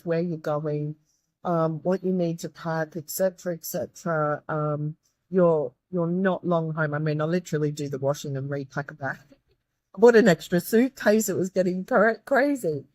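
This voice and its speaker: An Australian woman, a guest who works as a medium and tutor, speaks reflectively in an interview in a low, croaky, slightly mellow voice that sounds tired. She comes across as earnest and grateful, restarting her sentences often. There is no room sound.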